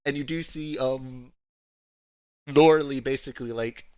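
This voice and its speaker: Male GM, mid pitch, rambling and jokey; muffled, dry home mic. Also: fairly even intonation, measured pace, darkish tone, smooth, no echo. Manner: rambling, playful, full of "like" fillers. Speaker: game master. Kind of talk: narrating a tabletop game.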